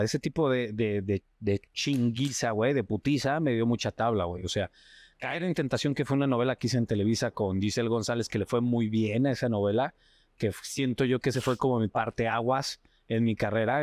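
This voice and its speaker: Mexican male actor guest, animated slangy storyteller, mid-pitched, dry close recording. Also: no room sound. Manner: animated, slangy, acts out other people's cries. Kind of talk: casual storytelling chat.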